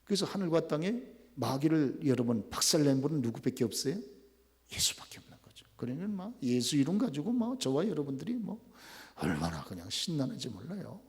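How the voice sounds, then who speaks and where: A male pastor preaching a sermon, dropping to soft asides, then shouting loud commands. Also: on the high side, very animated, brisk. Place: church sanctuary. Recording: reverberant church hall.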